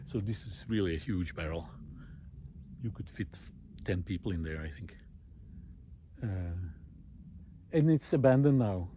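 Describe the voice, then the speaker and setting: A low-pitched, warm, expressive voice speaks a little slowly, pausing often, over slight background noise. The vlogger strolls through a vineyard village, musing to camera in an unscripted, hesitant way with trailing asides for his walking talk series.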